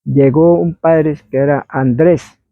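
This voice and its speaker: A man, telling an oral history story in a meandering way and acting out shouts and quoted voices. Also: on the high side, steady tone, slow pace, no room sound. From Colombia. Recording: dry, phone-like narrow sound.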